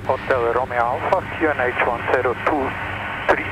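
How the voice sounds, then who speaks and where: A man's voice: medium pitch, fairly even intonation, moderate pace, heavy background noise. A man reading back instructions as a pilot over a pilot headset radio. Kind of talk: radio readbacks to air traffic control.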